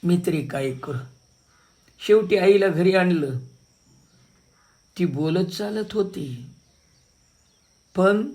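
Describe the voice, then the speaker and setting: A man's voice: high voice, darkish tone. A man telling a dramatic story in the first person of a suffering woman, with emotional delivery.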